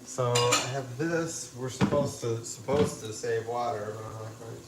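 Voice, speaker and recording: In a casual home-kitchen cooking livestream, a medium-pitched man speaks in a level tone at a moderate pace, joking and correcting himself mid-sentence. Heavy background noise comes from the kitchen, with dishes and pots clanking.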